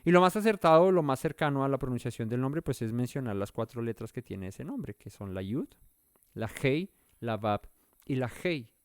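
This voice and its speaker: Smooth-voiced man teaching Bible study. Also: medium pitch, expressive, moderate pace, dry recording. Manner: keeps asking the listeners questions; conversational, thinks aloud.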